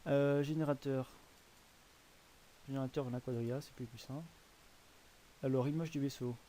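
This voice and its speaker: Mellow-voiced man rambling through gameplay. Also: mid-range voice, fairly even intonation, moderate pace, slight background noise. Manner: rambling, hesitant, often corrects himself. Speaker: host presenting a browser game. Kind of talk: casual gameplay commentary.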